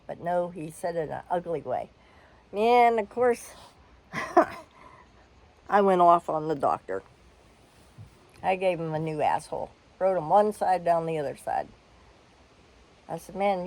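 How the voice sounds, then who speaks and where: A woman's voice: low-pitched, a little mellow, rough recording. An older woman telling a personal story in a candid, blunt way, with the odd cough and sigh.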